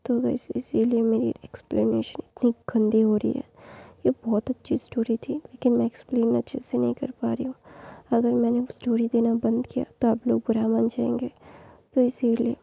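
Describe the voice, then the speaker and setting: A woman narrating fan fiction in a casual, chatty way, hoarse and whispering because she has lost her voice to illness. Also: fairly high pitch, level tone, normal speed, warm tone, dry recording. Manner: chatty, addresses viewers.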